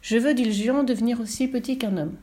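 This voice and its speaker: Naive storybook giant, earnest and pleading, a bit high, as a woman reads him. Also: quick pace, dark tone, lightly acted. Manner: earnest, pleading, sometimes desperate. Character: huge lovesick male giant, naive and polite.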